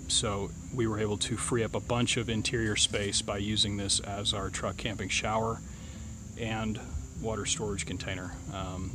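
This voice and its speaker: A man showing off camping gear on his truck, talking casually with many ums and uhs, outdoors in the woods. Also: fairly low pitch. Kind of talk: casual product walkthrough. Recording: outdoor recording with insect noise.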